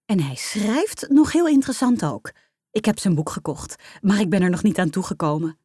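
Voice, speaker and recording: A woman's voice: mid-range voice, expressive, dark tone, slightly rough, no echo, clean studio sound. A woman playing a swooning, starstruck mother. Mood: gushing. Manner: drawn-out, swooning emphasis. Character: gushing middle-aged mother, starstruck and theatrical.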